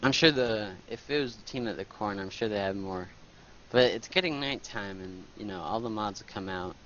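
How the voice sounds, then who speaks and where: A man commentating a game tournament in relaxed, chatty talk with hesitant restarts, heard over an online voice chat mic. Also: on the low side, normal speed. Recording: dull lo-fi voice chat with faint noise.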